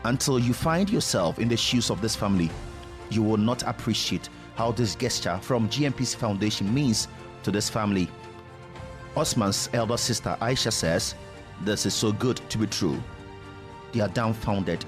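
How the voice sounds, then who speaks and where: A Ghanaian-accented man reads documentary narration in a somewhat low voice. The delivery is scripted and steady. Music plays clearly beneath him. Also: moderate pace.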